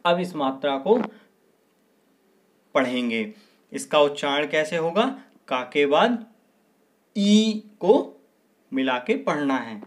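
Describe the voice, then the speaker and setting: A man teaching young children to read, sounding out syllables one by one and then calling out each answer higher and louder. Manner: slow, clearly sounds out each syllable, then raises pitch and volume for the answer. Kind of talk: children's Hindi lesson.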